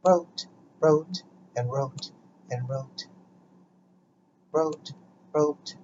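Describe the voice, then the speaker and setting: A woman performs spoken-word poetry in a slow, dark, mellow voice, chanting words over and over in a hypnotic rhythm and stammering on purpose. The recording sounds dull and lo-fi, with a faint hiss underneath. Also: low-pitched. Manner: rhythmic, incantatory repetition; deliberate acted stammering. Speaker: performance artist.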